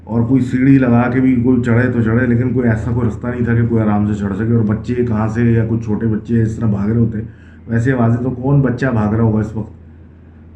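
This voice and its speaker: A man casually narrating a ghost story in a conversational way, often mixing English phrases into his speech. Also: medium pitch. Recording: echoey, tinny phone-like sound with faint hiss.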